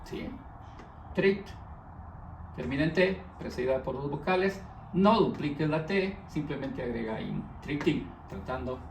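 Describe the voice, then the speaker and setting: Man, grammar lesson, gravelly voice, echoey room heard from a distance. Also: on the high side, lively intonation, unhurried, a little hiss or hum. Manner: patient, repetitive explaining, stressing English words. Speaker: English teacher.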